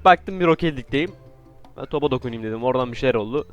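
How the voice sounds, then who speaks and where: A man giving casual, joking commentary while playing a game, with sudden excited outbursts and playful trash talk. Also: mid-range voice, racing, dull audio, faint music behind. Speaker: gaming YouTuber.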